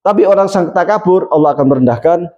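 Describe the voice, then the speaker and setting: A man's voice: high voice, quick pace, dark tone. A man teaching a moral lesson on good manners, acting out little quoted scenes as he goes. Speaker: Islamic religious teacher. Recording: dull lo-fi recording.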